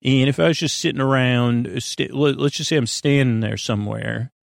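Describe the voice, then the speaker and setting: A podcast host with a creaky, medium-pitched voice presents a sleep podcast as a meandering, halting monologue that keeps breaking off into interruptions of itself. The recording is studio quality with no echo.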